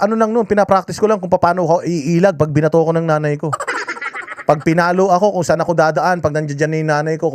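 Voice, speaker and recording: A man's voice: on the high side, background noise. A man talking casually to his viewers, mixing jokes and mock outrage with mild curses in his political commentary.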